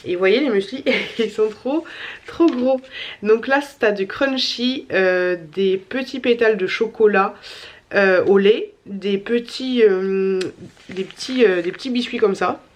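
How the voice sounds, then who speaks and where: A woman's voice: mid-range voice, measured pace. Stuffy-nosed chatty woman vlogger. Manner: chatty, many fillers and repeated words. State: tired. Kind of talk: casual chatty haul vlog.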